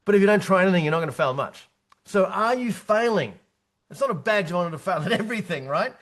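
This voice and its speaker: A man in his fifties delivers a motivational business talk with a fairly high voice. He speaks in short, punchy bursts, repeating key words and tossing in "right?" to keep the audience engaged. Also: animated, fast talker, a bit bright. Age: 50s. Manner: punchy, repetitive, tag questions like "right?". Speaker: business coach presenting his book. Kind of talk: motivational presentation to accountants.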